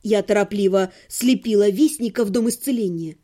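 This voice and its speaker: A woman's voice: mid-range voice, moderate pace, dark tone. A woman reading a humorous fantasy audiobook in the first person, with a wry, ironic manner. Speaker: audiobook narrator.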